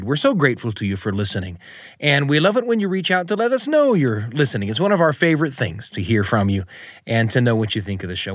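Animated American man hosting a radio show. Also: mid-range voice, no echo, studio quality. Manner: appreciative, encouraging. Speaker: radio show and podcast host. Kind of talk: conversational interview and warm sign-off to listeners.

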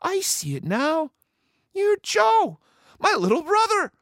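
A man's voice: very high-pitched, sing-song, extremely slow, vocal fry, no echo, clean studio sound, voice pushed up, exaggerated voice. A man voicing a bossy, ruthless female pirate captain and older sister in a comic story. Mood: sweetly surprised. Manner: bossy, commanding.

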